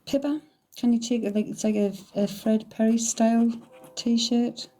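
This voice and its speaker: A woman, giving a medium's spirit reading in a chatty, halting way, often hedging with "I feel". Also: a little high, fairly even intonation, warm tone.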